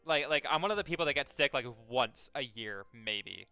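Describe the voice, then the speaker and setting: A man's voice: mid-range voice, lively intonation, normal speed, gravelly, sharp tone, clean tone, dry recording, faint music behind. A young man streaming a game, chatting casually and reading game text aloud, rambling with many fillers and restarts and swearing freely.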